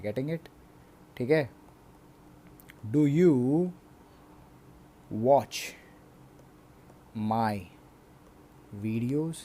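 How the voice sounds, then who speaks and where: Slow, mellow Indian English teacher. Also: male voice, medium pitch, slight background noise. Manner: explains slowly, keeps checking in with the class. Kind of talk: bilingual grammar lecture.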